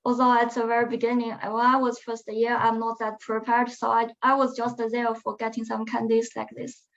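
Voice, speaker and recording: A young alumna guest, not a native English speaker, answers interview questions in English with hesitant, halting phrasing and restarts. Her voice is on the high side and monotone, and the webinar audio is muffled and lo-fi.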